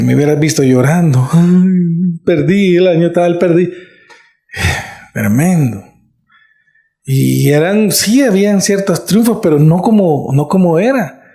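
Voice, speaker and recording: A man's voice: a little high, mellow. A middle-aged man preaching a sermon as pastor, earnest and conversational, often checking in with his listeners. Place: church. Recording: echoey church room.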